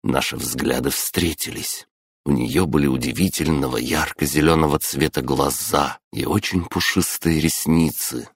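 A man reading a first-person fantasy audiobook in a grave, measured storytelling manner. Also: a bass voice, vocal fry, breathy edge, no room sound, clean studio sound. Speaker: audiobook narrator.

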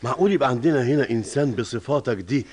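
An actor playing a stern, questioning Egyptian company director in a radio drama. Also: male voice, medium pitch, expressive, rapid-fire, darkish tone, a little hiss or hum, natural voice. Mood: explaining. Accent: Egyptian Arabic. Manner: questioning, authoritative.

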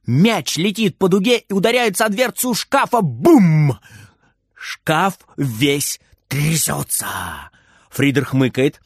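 Man reading a children's story, lively. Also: a little high, slow pace, no room sound, studio quality. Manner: expressive, animated narration.

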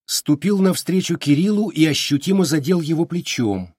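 A man reading an audiobook aloud with expressive, wry storytelling. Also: on the high side, moderate pace, husky, no echo, studio quality. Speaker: audiobook narrator. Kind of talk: audiobook narration.

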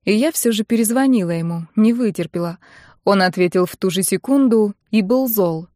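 A woman narrates a first-person audiobook in a calm, intimate storytelling voice. Her pitch sits in the middle of the range for women. The recording is dry and close, with no room around her. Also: moderate pace, dry recording.

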